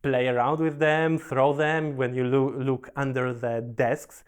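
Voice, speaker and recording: A young Polish man, a professional Go player, recounts his story in a relaxed way, his Polish accent clear in a medium-pitched, clean voice. He speaks haltingly, restarting often, repeating words and leaning on fillers.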